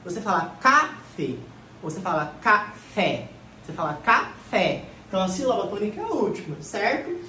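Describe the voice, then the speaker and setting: A woman teacher giving an exam-prep grammar class, voice carrying from across an echoing classroom. She keeps posing questions to her students and answering them herself, with a lively, talkative rhythm. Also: mid-range voice, very fast, hardly any pauses, a little hiss or hum. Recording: echoey room, voice from far off.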